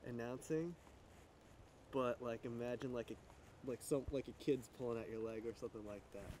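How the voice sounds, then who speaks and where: A man chatting casually while planning a video, rambling along with plenty of fillers and restarts. His voice sits at a mid pitch, with faint background noise behind it. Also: normal speed, darkish tone. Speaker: video project collaborator. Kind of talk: casual chat.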